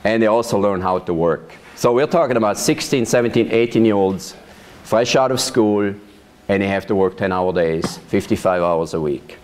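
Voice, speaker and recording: A man, recounting his life in a measured, storytelling way during an oral history interview. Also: on the low side, darkish tone. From Switzerland. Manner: measured storytelling with occasional laughs. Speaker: interviewee, vineyard manager. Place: his farm.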